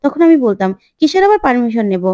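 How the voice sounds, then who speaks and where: A woman's voice: fairly high pitch, very animated, fast talker, mellow, no echo. A woman voicing a nosy, prying young married woman in a retold TV serial, asking pushy, coaxing questions.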